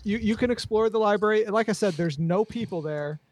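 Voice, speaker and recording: A man's voice: sits high, a little fast. A man running a tabletop game as game master, laid-back, often laughing and repeating himself.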